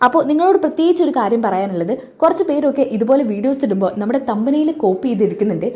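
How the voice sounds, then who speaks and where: A woman's voice: fairly high pitch, expressive, very fast, mellow. Chatty woman recapping a serial. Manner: chatty, adds ttoʼ tags to sentences. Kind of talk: casual retelling of a TV serial episode.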